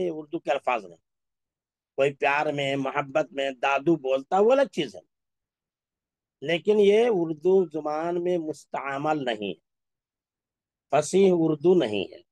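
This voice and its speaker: Male Urdu teacher with a slightly high voice, slow and repetitive, drilling vocabulary. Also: no room sound. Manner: slow, repeats word lists aloud. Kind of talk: classroom lesson.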